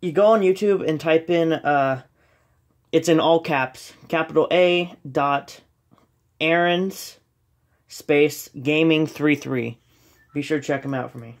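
A young gaming channel host, sniffly with a slight cold, plays a game at home and films the TV screen in a dark room. He rambles casually, self-deprecating and full of ums. His voice is a little high and his pace slow.

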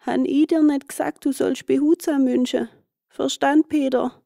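A woman's voice: high voice, steady tone, normal speed, creaky, mellow, no echo, clean studio sound, voice pushed up. Woman putting on a scolding little glass forest spirit. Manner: scolding, indignant. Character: small grumpy male glass forest spirit.

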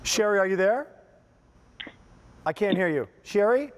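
High-pitched American male home shopping host, reverberant. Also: animated, unhurried. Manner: enthusiastic, folksy exclamations and sales patter. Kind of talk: live home shopping sales presentation. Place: home shopping television studio with kitchen set.

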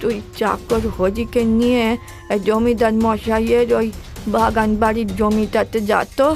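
A woman voicing an elderly grandmother in a cartoon, speaking slowly and soothingly. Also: little pitch movement, a little mellow, faint music behind. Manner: slow, low and soothing. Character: elderly grandmother, calm and commanding. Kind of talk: cartoon voice acting.

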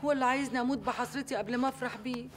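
A woman's voice: high-pitched, fairly even intonation, racing, heavy background noise, natural voice. An actress playing a doting, fretful mother who coaxes her son with an Egyptian accent. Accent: Egyptian Arabic. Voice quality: coaxing, fretful. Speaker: actor in a TV comedy series.

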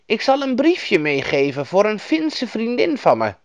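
A man voicing a caring old woman of the far north, in a high, fussing voice. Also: wildly swooping pitch, a little slow, dry recording, exaggerated voice.

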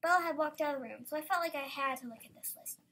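A young girl, a student, reading her own story aloud, lively and bursting into excited exclamations. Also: high voice, quick pace. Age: child.

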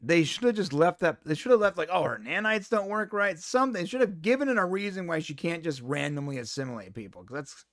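A man's voice: a little high, animated, quick pace, hardly any pauses, no room sound, clean studio sound. A man co-hosting a casual review podcast, ranting in an exasperated, emphatic way from a home setup. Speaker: podcast co-host.

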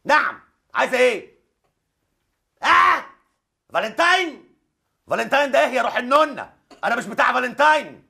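An actor playing a father who lectures his son on romance, with an Egyptian Arabic accent and a gravelly, teasing manner. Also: extremely high pitch, big pitch swings, brisk, pauses often, pushed and bright, exaggerated voice. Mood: bossy. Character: older father, smug romantic advisor, scolding. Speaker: father giving advice. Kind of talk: Egyptian film comedy. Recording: film soundtrack with music.

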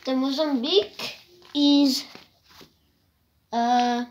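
A woman talks to camera in a casual show-and-tell vlog, her voice sitting fairly high. She speaks slowly and unhurriedly, drifting between thoughts with hesitant restarts. Every so often she drops into a soft whispered aside. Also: steady tone, a little hiss or hum. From South Africa. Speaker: vlogger.

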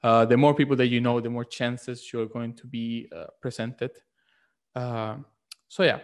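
A man giving a hesitant panel talk as a game programmer, speaking over a video call full of fillers. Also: medium pitch.

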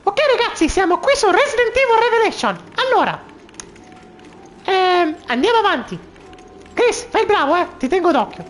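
Brief: cheerful cartoon mouse, high falsetto squeak, put on by a male gamer. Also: sing-song, normal speed, fairly bright tone, slight background noise, full character voice. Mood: chirpy.

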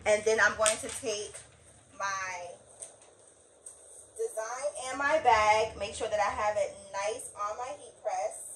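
A woman works with her hands in a small indoor craft workroom, hosting a tutorial and chatting folksily to viewers she calls "y'all." Her voice sits at medium pitch and she takes her time, while the camera mic picks up a noisy room and uneven sound.

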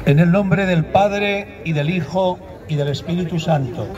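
A man, a priest leading a slow, measured prayer service outdoors at a monument. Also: high voice, a crowd in the background. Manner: slow, measured liturgical recitation. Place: outdoor public square at a monument. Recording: dull muffled outdoor recording.

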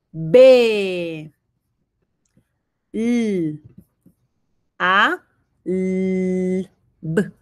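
A woman teaching a kindergarten phonics lesson, sounding out letters and syllables one by one and praising the children. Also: mid-range voice. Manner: sounds out letters and syllables slowly, warm encouragement.

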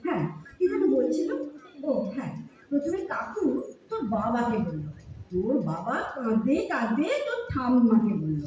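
A woman's voice: a little high, sing-song, moderate pace, a little mellow. A woman playing a timid, fretful middle-aged aunt in an audio drama. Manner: anxious, plaintive, fretful. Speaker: radio drama actor. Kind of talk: Bengali audio drama acting. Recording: dull distant echoey room with faint hiss.

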